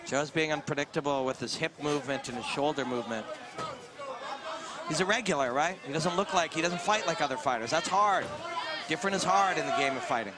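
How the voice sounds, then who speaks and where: A man's voice: on the high side, brisk. A man doing play-by-play commentary on a fight, explaining technique and strategy. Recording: commentary over crowd and music.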